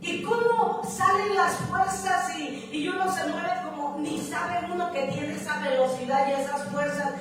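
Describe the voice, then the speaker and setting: A woman's voice: high voice, measured pace, few pauses, over a noisy crowd. A woman preacher telling a personal story in a sing-song sermon style, calling out to the brethren. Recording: echoey hall from far off with music.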